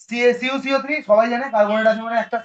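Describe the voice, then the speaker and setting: Male chemistry teacher, high voice, lively classroom explainer, dull lo-fi sound. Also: racing. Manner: lively, coaxing, keeps checking students understand. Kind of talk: classroom lecture.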